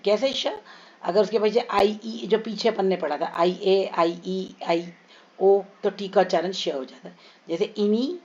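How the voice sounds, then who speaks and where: A woman teaching English pronunciation, slowly stretching and repeating sounds and words for her students. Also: medium pitch, a little mellow. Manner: slow, drawn-out repetition of sounds and words. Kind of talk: explanatory pronunciation lesson. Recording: slightly dull lo-fi recording.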